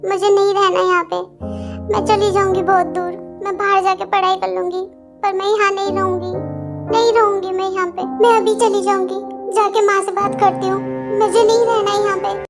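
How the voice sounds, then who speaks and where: A woman's voice: very high-pitched, little pitch movement, normal speed, over loud music. A woman voicing an upset young woman, pleading and emphatic, in a fan audio drama. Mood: distressed.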